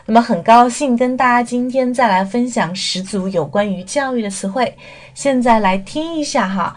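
A woman English teacher runs a friendly online vocabulary lesson. She moves easily between Mandarin and English and softens her phrases with little particles. Her voice sits at an ordinary pitch.

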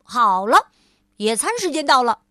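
A woman voicing a hyperactive, bossy grown man who is always rushing, speaking in brisk, excited exclamations for a children's storybook reading. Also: high voice, no echo, clean studio sound, voice pushed up, exaggerated voice. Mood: hurried.

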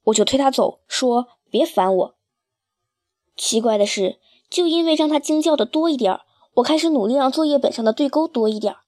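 Woman storyteller, high pitch, dry close sound, expressive and emotional first-person reading. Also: fast talker, few pauses, no echo.

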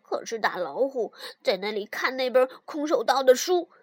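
A woman telling a children's story in the first person, in an expressive, sighing way. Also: high voice, normal speed, no echo, studio quality.

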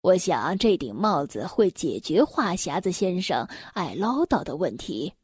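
Woman playing a polite shopkeeper man, storybook, husky, low, mild. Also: sing-song, measured pace, a little mellow, dry recording, full character voice. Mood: calm. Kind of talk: storybook reading.

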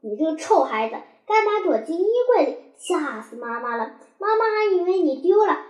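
A doting storybook mother, read by a woman speaks fondly and emotionally in a high, bright voice. The reading carries a roomy echo. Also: normal speed, lightly acted. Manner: fond, then anxious and choked. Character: warm, doting young mother.

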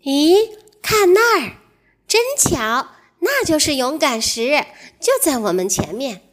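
A kind, wise giraffe speaks gently and earnestly in a soothing, raised voice, as a woman plays it for a children's storybook. The voice is slow and reassuring. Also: high voice, big pitch swings, voice pushed up. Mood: gentle.

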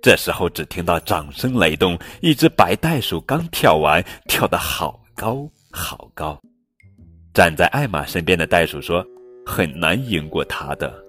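A man reading a children's picture book aloud in a storytelling voice, with light music behind. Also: low voice. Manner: slow, lively storytelling. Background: light background music.

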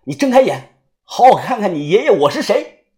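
A defiant young man, as a woman narrator puts him on, hurls loud, scornful insults. His pitch climbs sharply as he jeers. It is an animated storybook reading. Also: a little fast, lightly acted.

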